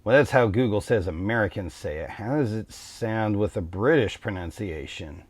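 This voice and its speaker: Low-voiced man, dry casual explainer. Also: normal speed, husky, no echo. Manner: thoughtful, relaxed, with frequent ums and uhs. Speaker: tabletop game channel host.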